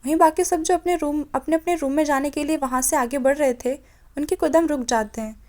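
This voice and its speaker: A woman's voice: sits high, brisk, darkish tone. A woman narrating a romance audiobook, reading each character's lines in slightly changed tones and correcting her own slips. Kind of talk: storybook narration voicing all characters.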